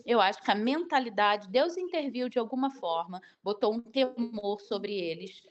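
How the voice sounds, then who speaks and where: High-voiced woman telling a gripping testimony. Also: lively intonation, normal speed, dull audio. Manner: vivid retelling that acts out the dialogue. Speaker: guest sharing a testimony. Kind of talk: emotional personal storytelling.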